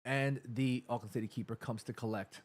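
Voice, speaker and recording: A man in his thirties hosting a live football watchalong stream, chatting casually, reading viewer messages aloud and getting excited during attacking moves. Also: mid-range voice, a little fast. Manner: chatty, reads viewer chat aloud between play calls.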